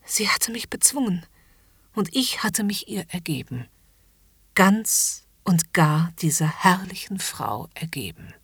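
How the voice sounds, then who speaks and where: A woman narrating a story in the first person in a soft, hushed, whispered role-play. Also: on the low side, very animated, takes it slowly, breathy edge, no room sound, studio quality.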